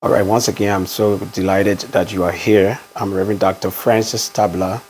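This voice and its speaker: Deep-voiced Liberian pastor, measured. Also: male voice, level tone, a little mellow, a little hiss or hum, poor audio. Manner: measured storytelling, frequent "uh" pauses. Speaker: pastor, interview guest. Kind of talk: conversational interview.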